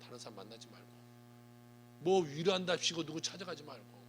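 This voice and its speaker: A man preaching a Sunday sermon as pastor, lively and theatrical, acting out what gossiping churchgoers say. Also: on the high side, a little fast, a little hiss or hum. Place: church sanctuary.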